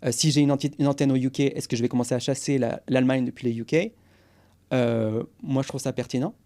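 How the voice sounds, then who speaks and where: A man's voice: mid-range voice, fairly even intonation, fast, warm tone. A man in his forties, a guest on a podcast interview, explaining go-to-market strategy with energy and English business jargon.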